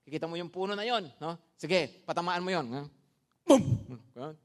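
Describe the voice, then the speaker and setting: A man preaching a sermon in mixed Tagalog and English, animated, often checking with listeners by asking "no?" and acting out stories with sound effects. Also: fairly high pitch, quick pace. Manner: acts out anecdotes with shouted sound effects. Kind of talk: Taglish sermon.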